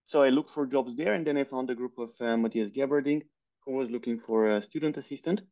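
A man's voice: medium pitch, fast talker. Bulgarian guy in his 30s chatting on a headset call, thoughtful, little laughs, kinda muffled audio. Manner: thoughtful, laughs softly between points. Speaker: guest, scientist. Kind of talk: casual interview chat. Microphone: headset on video call.

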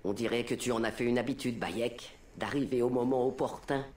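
A woman playing a shrewd, secretive antiquarian in a video game, with a hushed, wary, urgent manner. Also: extremely low pitch, steady tone, brisk, husky. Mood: wry, defensive. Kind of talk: video game drama acting.

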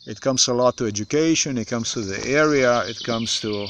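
A man in his forties from Slovenia with a Slovenian accent, speaking in a halting, repetitive, emphatic monologue to a phone camera in a forest. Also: mid-range voice, background noise. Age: 40s. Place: outdoors in a forest. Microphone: phone camera at arm's length.

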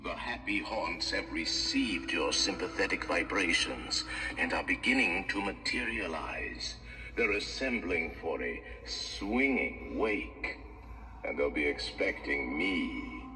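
A man playing a ghoulish, mock-polite ghost who guides visitors through a haunted mansion, speaking slowly and sometimes whispering. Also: low voice, lively intonation, full character voice. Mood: mock-genial. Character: sinister, genial male ghost host of a haunted mansion. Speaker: narrator and guide. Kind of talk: theme-park ride narration. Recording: distant voice under loud spooky music.

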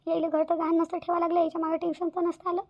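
A high, quick-talking young village bride in a cartoon. She is tearful and self-sacrificing, and insistently repeats herself. Her voice carries a gravelly edge and keeps to a narrow range. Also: completely flat delivery, darkish tone. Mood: distressed. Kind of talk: cartoon voice acting.

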